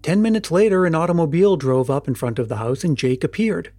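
A man narrating an old-fashioned adventure story in a measured, steady read. His voice sits a little high for a man. Quiet music plays softly under the narration. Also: no echo. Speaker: audiobook narrator. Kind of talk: scripted narration.

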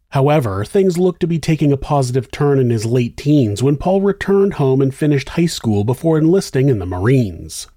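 A man narrating a true crime show as its host, in a suspenseful, measured and grave scripted storytelling style. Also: mid-range voice, warm tone, no echo, clean studio sound.

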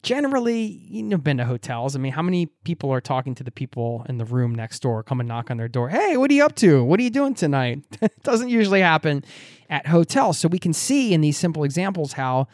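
An American man hosting a travel podcast, speaking in a reflective, animated way with occasional laughs. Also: on the high side, fairly quick, no room sound, clean studio sound. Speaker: podcast host. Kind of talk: podcast interview.

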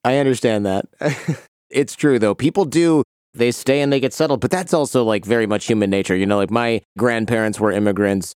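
A man from Detroit hosting an interview, chatting in a relaxed, reflective way. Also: mid-range voice, a little fast, clean tone, no room sound, studio quality. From Detroit, Michigan. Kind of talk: casual interview chat.

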